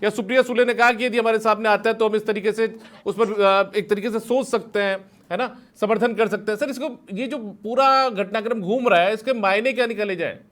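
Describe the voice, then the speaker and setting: A male news anchor with a fairly high voice moderates a televised debate. He keeps stepping in to ask the panelists to speak one at a time. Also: a little fast, few pauses. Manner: repeatedly calls for calm.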